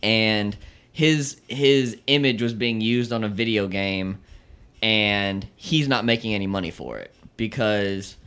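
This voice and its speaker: Low-voiced man explaining at length. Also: unhurried, a bit bright, clean tone. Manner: rambling, explains at length with many restarts. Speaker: podcast co-host. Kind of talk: casual chat.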